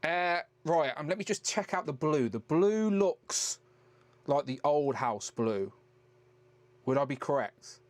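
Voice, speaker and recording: A man's voice: a little high, lively intonation, slow, dry recording. A man hosting a casual live-stream chat, chatty and teasing, swearing casually as he greets his guests. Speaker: host.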